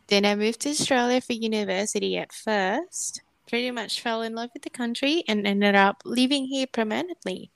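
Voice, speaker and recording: A woman in her early thirties from Indonesia co-hosts a casual podcast, telling stories in a relaxed, chatty manner. Her voice is slightly high and creaky, moving at a moderate pace with few pauses. The recording is dry.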